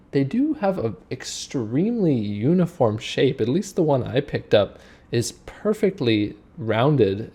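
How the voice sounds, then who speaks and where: A man's voice: mid-range voice, dark tone. A man hosting a casual food review, talking conversationally and describing things in careful detail. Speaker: food reviewer and video host. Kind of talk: casual product review commentary.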